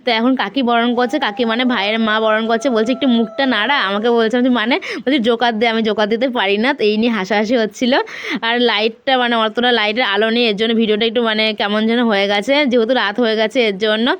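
A young woman talks quickly in a casual vlog voice-over. Her voice is smooth and clear and sits a little high. She narrates in a chatty way, full of fillers. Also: fairly even intonation. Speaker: vlogger.

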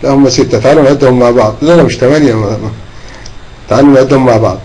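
A man's voice: mid-range voice, racing, dark tone, poor audio. A man with an Egyptian Arabic accent teaching Quran recitation rules in an online class, patiently drawing out words to demonstrate. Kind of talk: online tajweed lesson.

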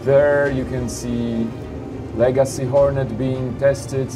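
In a low-quality recording, a man with a mid-range voice and flat delivery slowly walks through flight simulator cockpits. Despite the flatness, the showcase is upbeat and salesy, sprinkled with "you know" and "of course," over background music.

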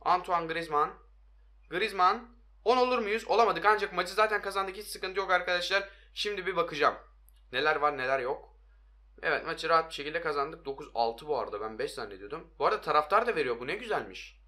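A young man giving excitable, hoarse-voiced commentary on his own mobile football game, talking to his viewers and shouting at his players. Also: on the high side, a little fast. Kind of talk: live gameplay commentary.

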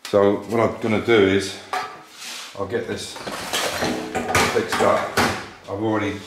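A man's voice: deep voice, very noisy. A man in his sixties explaining metal fabrication steps while working on a classic car, thinking aloud with plain fillers. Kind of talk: workshop how-to narration. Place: large indoor car workshop. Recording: echoey workshop room.

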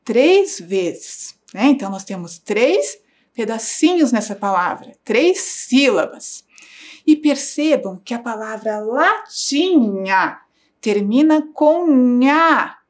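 A woman primary school teacher giving a slow, clear lesson to young children, patient and sing-song, stretching out syllables. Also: fairly high pitch, big pitch swings. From Brazil. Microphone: broadcast studio mic.

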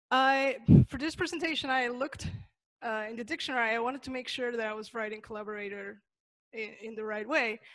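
A young Peruvian woman, a native Spanish speaker with a Peruvian accent, presents an online webinar lecture over slides. She sounds thoughtful, pausing often with many fillers and restarts. Her voice is a little high and fairly bright, with no room sound, though the audio quality is poor.

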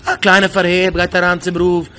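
High-pitched impassioned rabbi, a man. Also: completely flat delivery, brisk, bright, forceful tone. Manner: impassioned, with repeated rhetorical questions. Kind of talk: sermon.

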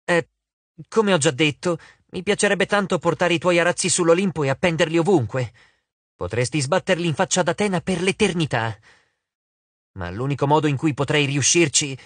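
A man's voice: on the high side, a little fast, a bit bright, dry recording. A man voicing a clever, determined teenage girl for a storybook, talking in a coaxing, persuasive way.

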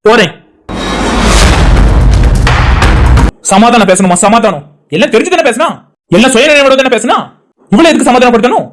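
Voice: medium pitch, expressive, quick pace, natural voice. A voice actor playing a stern, short-tempered elder brother and husband in a cartoon drama, commanding and scolding.

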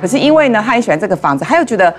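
A woman on a talk show telling a case story in lively detail, acting out the people she quotes. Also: medium pitch, rapid-fire. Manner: animated, acts out quoted dialogue. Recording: studio with background music.

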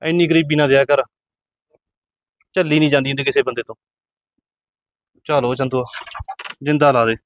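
A man's voice: medium pitch, steady tone, moderate pace, long pauses, no room sound, lightly acted. A man from Punjab playing a poor, weary village farmhand who grumbles and complains to himself in a farmyard. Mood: grumbling.

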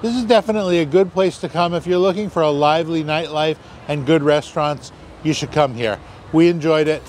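A man hosting a food vlog, calmly explaining each dish step by step in casual commentary, on a busy street. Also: fairly high pitch, fairly quick. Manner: easygoing, explains dishes step by step. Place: outdoors on a busy city street. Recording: busy crowd noise outdoors. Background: crowd chatter and passing traffic.

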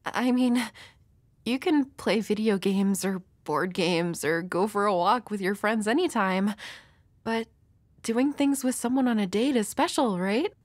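Speaking at medium pitch in an unhurried, natural voice, a woman portrays an awkward young woman with a crush. The intimate roleplay has her hesitant, stammering and apologetic, shy and flustered throughout, with no echo on the recording.

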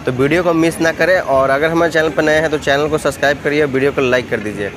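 A man vlogging through an expo hall, listing models and prices in a steady, repetitive way. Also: on the high side, fast. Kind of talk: walkthrough vlog listing prices. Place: busy indoor trade expo hall. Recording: noisy expo hall phone recording.

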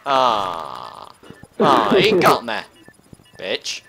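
A man's voice: mid-range voice, huge pitch swings, extremely slow, bright, forceful tone, soft background music. A man chatting over in-game voice while playing a shooter, joking, trash-talking and breaking into silly singing. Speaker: gamer doing in-game voice chat. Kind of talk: casual game chat.

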